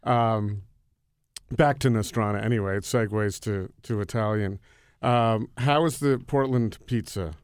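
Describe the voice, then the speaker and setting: A man's voice: lowish voice, a little slow, smooth, no room sound, studio quality. A man from Connecticut hosting a food podcast, asking long rambling questions with many restarts. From Connecticut, United States. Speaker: podcast host, interviewer. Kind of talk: casual interview conversation.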